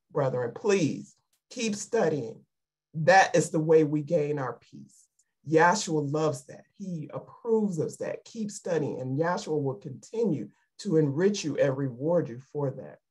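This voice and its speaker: A woman's voice: sits low, a little mellow, slightly rough. A woman giving an emotional, fervent sermon over a video call, repeating her exhortations. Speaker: lay preacher.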